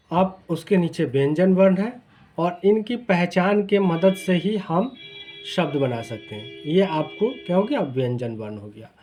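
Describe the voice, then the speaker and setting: A man's voice: a little high, darkish tone. A man teaching children to read, spelling out letters one by one and asking and answering his own questions. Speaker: Hindi reading teacher. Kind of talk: slow explanatory lesson.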